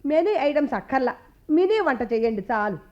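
A woman acting an assertive working wife in a radio play, giving crisp, cutting retorts. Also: high-pitched, sing-song, fairly quick, darkish tone, highs cut off. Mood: curt. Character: sharp-tongued working wife, assertive and cool.

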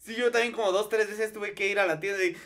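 A man's voice: high-pitched, fast, fairly bright tone, a little hiss or hum. A man with a Mexican Spanish accent, a laid-back, slangy podcast host in casual chat.

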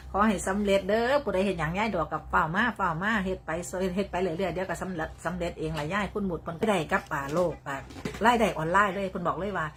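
A woman's voice: on the low side, fast, fairly bright tone, a little hiss or hum. Chatty older Isan grandmother livestreaming. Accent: Northeastern Thai (Isan). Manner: chatty, rambling, laughs often, repeats words. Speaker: livestream host. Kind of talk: casual livestream chat.

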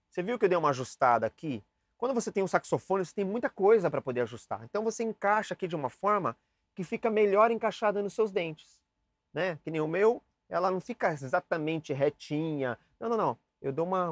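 With a high, expressive voice and a fairly quick delivery, a young man gives a casual, chatty saxophone basics lesson, demonstrating as he speaks straight to the viewer. The sound is dry, recorded on camera mics while switching between cameras.

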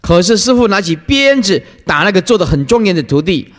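A man preaching as a Buddhist master, his voice swinging up and down as he acts out the people in his stories. He laughs now and then between points. His talk rings with the long echo of a big lecture hall. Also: fairly quick. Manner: lively storytelling, acts out quoted people with playful pitch jumps and laughter. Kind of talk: sermon.

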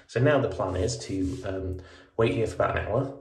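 Chatty and joking, a man in his 20s narrates a casual tour vlog as a musician, filming in a van, hotel room and small venue on a phone or camera with a handheld grip. His lowish voice is a little mellow and husky at a moderate pace, and the phone audio is noisy.

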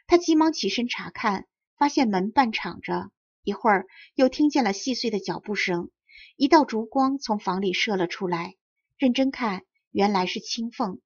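Husky woman narrating a storybook. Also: medium pitch. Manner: steady, measured reading. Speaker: audiobook narrator. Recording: dull lo-fi recording.

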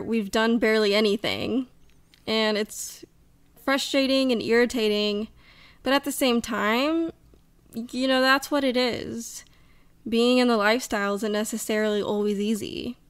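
A woman's voice: mid-range voice, smooth. A woman co-hosting a casual podcast from her couch at home, chatting and venting. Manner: chatty, exasperated venting with laughter. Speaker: podcast co-host. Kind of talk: casual chat. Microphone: home podcast mic.

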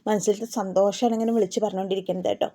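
A woman's voice: mid-range voice, fairly even intonation, warm tone. A woman casually retelling a TV serial episode, with many hesitation fillers. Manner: rapid storytelling with frequent hesitation fillers. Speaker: serial recap vlogger.

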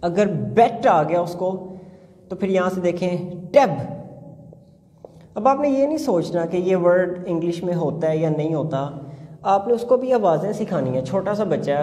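A man with a Punjabi-tinged Urdu accent giving a phonics lesson, spelling words letter by letter and asking his listeners what sound each makes. His voice is dark and mellow. It rings in a long, hall-like reverb. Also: sits high. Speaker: phonics teacher. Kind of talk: classroom lesson.

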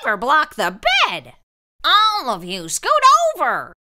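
A woman voicing a strict long-necked male monster teacher, speaking in a lower, measured and instructive way. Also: wildly swooping pitch, very noisy, full character voice. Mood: stern, instructive.

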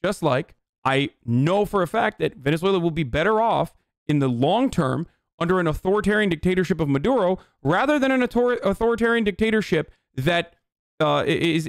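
A man from Turkey in his thirties rants into a close studio mic, blunt and exasperated, swearing freely as he argues his point to his stream audience. His voice sits a little higher than most men's, and the sound is dry with no room echo. It plays as live political commentary from a home setup. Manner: blunt, profane, exasperated ranting. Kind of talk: heated livestream commentary. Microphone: studio mic on boom arm.

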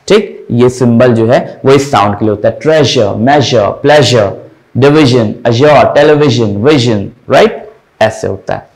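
A man teaching English pronunciation in Hindi, slowly repeating each word to drill the sounds. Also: mid-range voice, poor audio.

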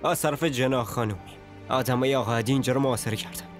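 Male dub actor as a hurried henchman, mid-pitched, loud score behind. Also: lightly acted. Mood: urgent. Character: brisk male rescuer, henchman. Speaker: dubbed series character. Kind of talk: dubbed TV drama acting. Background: dramatic music score.

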